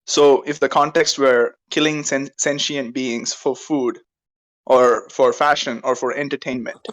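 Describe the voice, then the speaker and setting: A man's voice: mid-range voice, steady tone, a little slow, low-quality recording. A man debating in an online voice chat, insistent, leaning on "right?" tags and formal logic terms.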